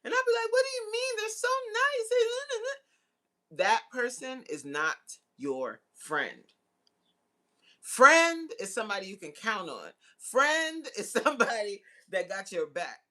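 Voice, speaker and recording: With a fairly high, sharp-toned voice, a woman in her forties keeps things very animated while speaking a little slowly. As host of a live stream, she reads comments and chats casually with viewers, slangy, teasing and giggly.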